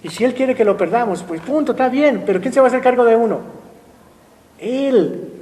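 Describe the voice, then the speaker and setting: A man preaching a sermon as pastor, emphatic and full of rhetorical questions, slowing down to read scripture. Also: very high-pitched, expressive, a little mellow, big-room sound. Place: church sanctuary.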